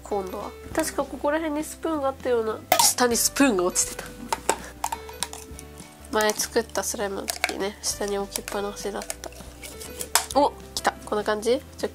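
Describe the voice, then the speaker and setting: A young woman with a stuffy nose from a cold, chatting excitedly as she plays with slime at a table. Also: on the high side. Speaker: slime vlogger. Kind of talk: casual chat. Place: indoors at a table. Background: background music.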